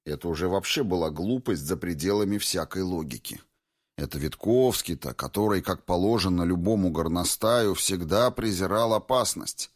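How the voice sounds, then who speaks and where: Low-voiced male audiobook narrator. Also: moderate pace. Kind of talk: scripted narration.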